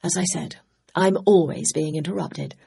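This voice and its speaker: A woman's voice: deep voice, normal speed, gravelly, dark tone, husky, exaggerated voice. A woman reading an audiobook, voicing a gushing, girlish genteel hostess who chatters effusively. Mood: insistent.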